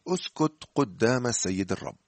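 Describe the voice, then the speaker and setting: A man giving scripted radio Bible teaching, speaking to the listener in a measured, earnest way. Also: on the low side, lively intonation, creaky, dry recording.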